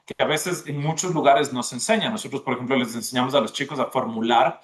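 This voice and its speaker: Talking quickly at a medium pitch, this dean of a gastronomy school, from Ecuador, gives long explanations during a podcast interview. He frequently checks in with his listener by adding "¿no es cierto?".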